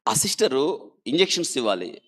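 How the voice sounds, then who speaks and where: Man, doctor, dramatic storytelling, animated pitch, middle register, talks straight to listeners. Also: normal speed. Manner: dramatic, animated storytelling that swings between loud emphasis and quiet; speaks directly to listeners, urging them to listen and think. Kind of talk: storytelling in an interview.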